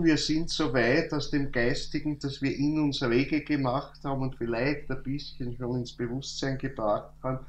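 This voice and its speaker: A man giving a calm, thoughtful spoken lecture, reciting verse slowly at times. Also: mid-range voice. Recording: echoey room, faint hum.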